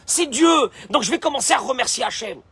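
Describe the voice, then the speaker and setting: A man teaching as a rabbi, with a bright, high voice that rises and falls a lot and a strongly husky tone. He mimics the people he criticizes and asks the same question again and again to press his point. The sound is dry and close. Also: fairly quick, no echo. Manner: lively, acts out the complaining voices he describes; fond of rhetorical questions and repeating phrases. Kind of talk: Torah lesson in French with Hebrew quotations.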